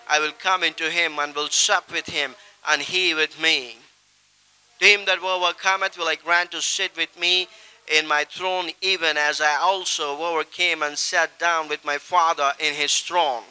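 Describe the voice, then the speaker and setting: A middle-aged evangelist sits on a stage and recites a long Bible passage from memory into a handheld microphone, solemn and declamatory with emphatic rises. His fairly high voice is pushed, bright and smooth, and the recording quality is low.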